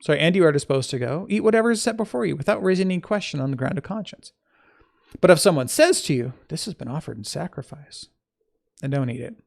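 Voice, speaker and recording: A fairly high-pitched man with a gravelly, creaky edge reads scripture aloud. He breaks off now and then to fix his own slips and toss in relaxed, informal remarks on the text. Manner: stops to correct his slips and add informal asides. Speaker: Bible reader. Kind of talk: reading scripture aloud with casual commentary.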